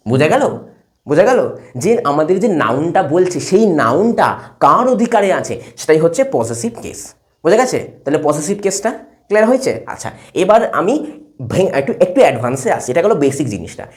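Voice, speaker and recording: A man teaching English grammar at a whiteboard, explaining step by step and checking again and again that his students follow. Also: fairly high pitch. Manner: lively, asks checking questions again and again. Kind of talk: classroom lesson at a whiteboard.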